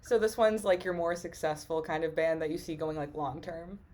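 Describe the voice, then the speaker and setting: A woman's voice: deep voice, fairly even intonation, moderate pace, darkish tone. A woman hosting a casual interview podcast, asking questions and giving frequent short acknowledgements. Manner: friendly, lots of listening sounds and short okays. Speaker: podcast host interviewing a band.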